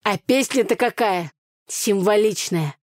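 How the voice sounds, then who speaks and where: A woman's voice: fairly high pitch, animated, slow, no echo, clean studio sound, pitched above the performer's own voice. A woman voicing a teasing, gloating teenage brother in a storybook reading. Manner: mocking, gloating.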